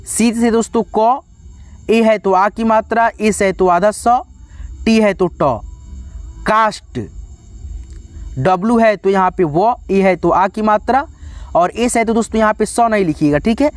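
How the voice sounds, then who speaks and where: A man's voice: high-pitched, a little slow, long pauses, no room sound. A man teaching an English spelling lesson step by step for beginners, speaking patiently and addressing his viewers as friends again and again. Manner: patient, repetitive, calls viewers "friends" often.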